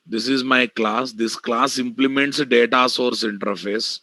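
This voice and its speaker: A man's voice: medium pitch, fairly even intonation, measured pace, pushed and bright, dry recording. A man with an Indian Telugu accent teaching a live online programming class, bluntly addressing students and repeating key phrases. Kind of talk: live online technical lecture.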